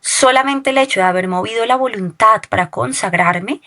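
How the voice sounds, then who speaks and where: A woman's voice: on the high side, moderate pace, pushed and bright. Woman telling a personal testimony. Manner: storytelling that keeps checking in with a questioning tag. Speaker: guest sharing a testimony.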